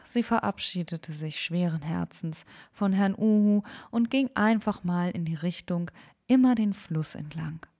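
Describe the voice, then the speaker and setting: A woman telling a bedtime story in a soft, partly whispered, calm voice. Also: lowish voice. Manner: slow, hushed, calm.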